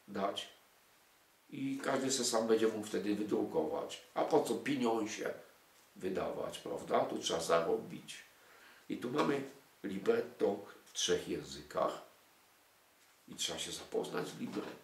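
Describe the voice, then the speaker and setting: In an echoey room, an older man with a creaky, mid-range voice gives a forceful lecture on music and culture. He keeps posing rhetorical questions and tossing in indignant asides.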